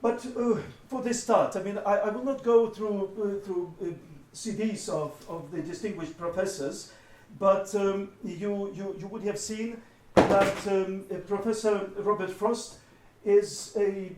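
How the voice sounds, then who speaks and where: Halting high-voiced moderator, man. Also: steady tone, a little mellow. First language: Lithuanian. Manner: hesitant, many fillers and restarts. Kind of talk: roundtable moderation. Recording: roomy hall from far off.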